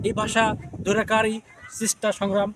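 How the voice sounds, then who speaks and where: A man's voice: high-pitched, monotone, fairly quick, background noise. A man from the Barishal region of Bangladesh, a poet and author answering interview questions earnestly and growing emphatic.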